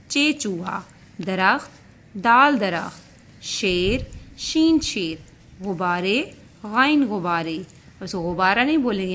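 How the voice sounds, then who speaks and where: Slow, patient woman teacher. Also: medium pitch, fairly bright tone, slight background noise. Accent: Pakistani Urdu. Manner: slow, patient, spelling out letters one by one. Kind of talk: recorded class lesson.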